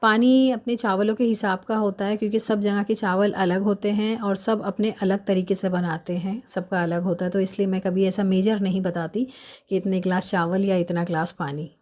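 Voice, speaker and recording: A woman doing a hurried, chatty cooking voice-over while fasting, explaining each step at home. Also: mid-range voice, flat delivery, darkish tone. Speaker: home cook vlogger.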